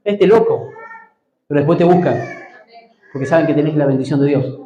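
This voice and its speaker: High-voiced pastor preaching in an echoey hall. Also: male voice, fairly even intonation, fast talker, warm tone, highs cut off, a little hiss or hum. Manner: preaching with call-and-response prompts to the congregation. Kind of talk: sermon. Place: church hall.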